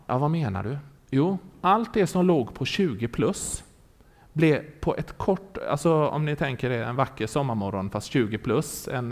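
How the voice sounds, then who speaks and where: A man delivers a sermon in an animated storytelling way. His voice swings widely up and down and sits a bit high for a man. He keeps turning to his listeners to ask if they are following. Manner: animated storytelling preacher, asks the congregation questions. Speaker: preacher.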